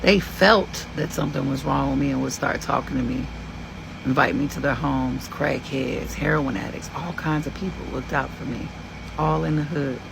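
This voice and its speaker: Gravelly, profane woman telling a story. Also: very deep voice, normal speed, background noise. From Kentucky, USA. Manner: profane, blunt, animated. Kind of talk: casual storytelling.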